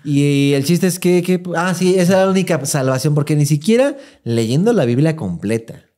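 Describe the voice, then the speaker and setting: A man's voice: fairly high pitch, expressive, normal speed, warm tone. A man with a Mexican accent, co-hosting a podcast with joking, slangy banter. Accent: Mexican Spanish. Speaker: podcast co-host. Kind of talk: casual chat.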